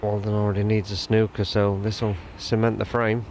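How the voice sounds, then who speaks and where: Male snooker commentator: deepish, understated, hushed delivery over noticeable background noise. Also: level tone, moderate pace.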